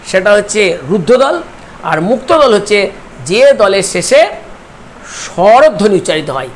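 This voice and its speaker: Male teacher, high voice, slow deliberate delivery that breaks words into syllables, faint background noise. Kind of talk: recorded lecture.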